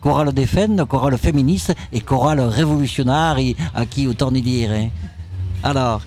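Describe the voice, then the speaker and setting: A man's voice: mid-range voice, moderate pace, darkish tone. A man hosting a live radio interview, jovial and chatty, dropping Occitan phrases into his French. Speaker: radio host.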